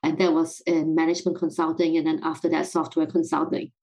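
Woman, Singaporean accent with British touches, low-ish voice, thoughtful interview guest. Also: little pitch movement, a little fast, darkish tone, rough recording. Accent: Singaporean English with some British. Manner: thoughtful, self-reflective, laughs lightly. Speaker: guest, company founder. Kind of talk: podcast interview.

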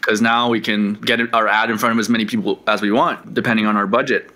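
Podcast cohost guy, bright sharp voice, walks you through how the agency worked, casual. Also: on the low side, quick pace. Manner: explanatory, steady, casual swearing. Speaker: podcast co-host. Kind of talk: casual business chat.

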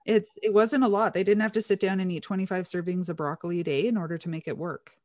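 A woman's voice: lowish voice, steady tone, quick pace, a little mellow, no room sound. Woman explaining nutrition research eagerly, dry sound. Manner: enthusiastic, explains research in detail. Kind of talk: casual science chat.

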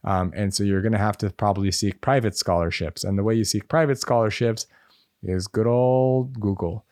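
This American medical school admissions advisor has a fairly low, steady, slightly mellow voice and speaks at a moderate pace. He responds to interview questions in a conversational style packed with fillers, recorded in a clean studio with no room sound.

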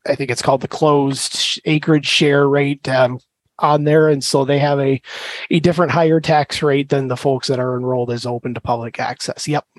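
A man's voice: medium pitch, little pitch movement, normal speed, dry recording. A man being interviewed as a program specialist, explaining details in a matter-of-fact, precise way.

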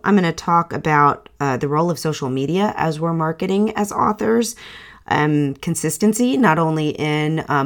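A woman hosting her own podcast in a chatty, upbeat way, sounding nasal from a cold. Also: low voice. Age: adult author. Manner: chatty, upbeat, with frequent ums. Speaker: podcast host. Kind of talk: casual solo podcast.

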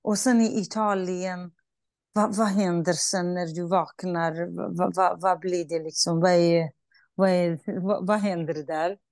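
Female host, low mellow voice, empathetic questions, dry close recording. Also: fairly even intonation, no echo. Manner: emotional, empathetic questioning with restarts. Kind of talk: conversational interview.

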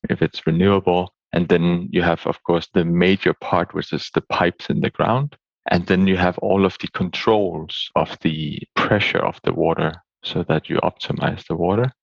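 Very deep-voiced man explaining. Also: creaky, dry recording, dull audio. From Denmark. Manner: explanatory, with fillers. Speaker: guest expert. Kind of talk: interview answers.

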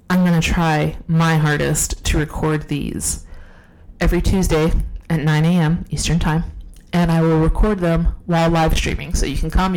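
Deep-ish woman's voice, sick podcaster just winging it, jokey and rambly, recorded on her phone downstairs. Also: darkish tone, poor audio. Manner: rambling, self-deprecating, chatty. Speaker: podcast host. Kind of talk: unscripted casual monologue. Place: home, downstairs room.

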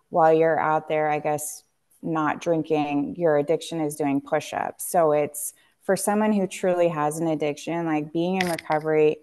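Low-voiced woman talking reflectively. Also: darkish tone, clear, resonant tone. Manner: reflective, frequent fillers and restarts. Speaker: guest, tea company founder. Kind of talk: candid podcast conversation.

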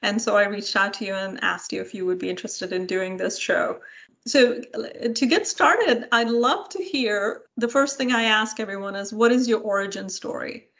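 A woman's voice: medium pitch, moderate pace, vocal fry, a bit bright. Middle-aged woman hosting a podcast, chatty and eager, lots of uhs and restarts. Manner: chatty, enthusiastic, with fillers and restarts. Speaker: podcast host. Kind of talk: interview conversation.

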